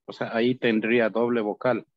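A man's voice: mid-range voice, little pitch movement, a little fast, no echo. A male student asking hesitant questions in an online class, with many fillers. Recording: dull, dry call audio.

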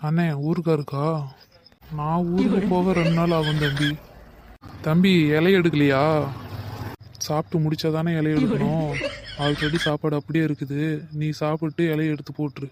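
A man acts out quick comedy skits, lands teasing punchlines, and keeps up a playful back-and-forth. His voice sits a little high for a man. The recording has a clear hiss of noise behind it. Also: little pitch movement. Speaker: comedy sketch performer. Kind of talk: comic skits. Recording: noisy recording.

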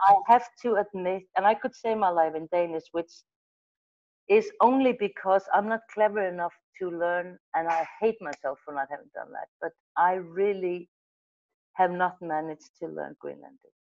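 A middle-aged magazine editor from Iceland speaks at normal speed in a fairly low voice, the lo-fi sound coming from an earbud headset mic on a video call. Seated by a wall of photos, she's an animated storyteller who gestures and keeps restarting and correcting her sentences.

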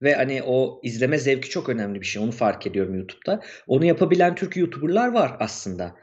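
Guy chatting on a podcast, mid pitch, kinda dull lo-fi audio. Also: big pitch swings, fast, darkish tone. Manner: chatty, reads viewer messages aloud. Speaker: co-host. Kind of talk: casual podcast chat.

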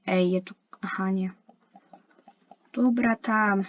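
A woman's voice: mid-range voice, steady tone, slow. A young woman giving casual, chatty commentary while playing an online game, complaining and talking to herself and the other players. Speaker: gaming youtuber. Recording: dull lo-fi mic with faint hiss.

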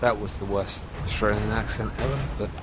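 A man's voice: fairly even intonation, brisk. A man chatting in a flight sim squad over voice chat, calling out warnings and joking with teammates. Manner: calls out warnings, joking banter. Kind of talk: casual game voice chat. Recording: voice chat over loud engine noise. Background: loud engine rumble.

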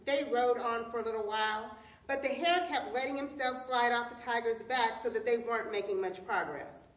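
Brief: woman storyteller, dramatic and high-ish voice, recorded far off in a roomy space. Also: moderate pace. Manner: expressive, dramatic. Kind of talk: folktale storytelling. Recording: echoey room, distant mic.

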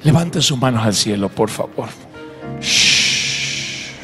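A man pastor preaching a fervent sermon in a church, praying aloud, swinging from shouts to hushed pleas. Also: high voice, normal speed, faint music behind.

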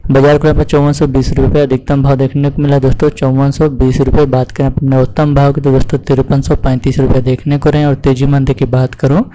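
A man's voice: medium pitch, warm tone, a little hiss or hum, rough recording. A man hosting a channel, reading out market prices to farmers in a repetitive, formulaic way and calling listeners friends. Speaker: commodity price channel host.

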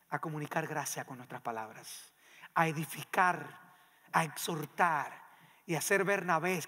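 A man preaches a sermon from the pulpit, his raised voice high and sharp. He pushes hard on key phrases, then pulls back to a near hush. A long reverb from the church sanctuary trails each line. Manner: emphatic preaching that swings between loud and hushed. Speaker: pastor.

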